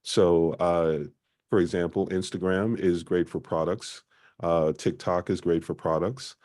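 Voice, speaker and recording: A man presenting a small-business marketing workshop in a conversational way, often pausing on "uh". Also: deep voice, steady tone, darkish tone. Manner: conversational, frequent "uh" fillers.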